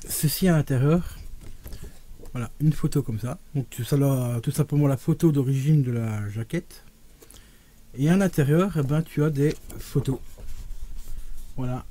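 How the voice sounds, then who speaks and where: A man chatting casually and enthusiastically to his viewers as he shows off his vinyl collection, talking to them like friends. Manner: animated, with sudden rises and drops in pitch and loudness. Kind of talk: casual unboxing vlog.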